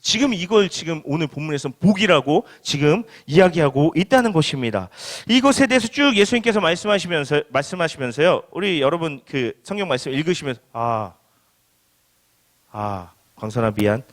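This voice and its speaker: Talking conversationally to a youth group, a young adult pastor poses questions and plays out everyday reactions through quick quoted asides. He speaks in a slightly high, expressive voice.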